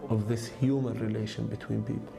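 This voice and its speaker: A Palestinian man in his thirties telling his own story in halting English, with many fillers and restarts. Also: lowish voice, flat delivery, vocal fry. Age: 30s. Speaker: interviewee. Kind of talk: personal testimony. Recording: music bed underneath.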